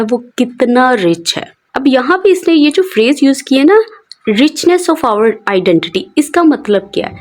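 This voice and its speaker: Woman English teacher, a touch high, who asks and answers her own questions over an editorial. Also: darkish tone. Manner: asks herself questions and answers them, reading English phrases slowly. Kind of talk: explaining a newspaper editorial to students.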